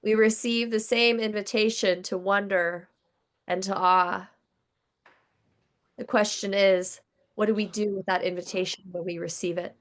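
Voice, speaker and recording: A hoarse woman giving the opening words of a sermon over a video call, in a gentle, measured reading voice. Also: medium pitch, steady tone. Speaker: guest speaker.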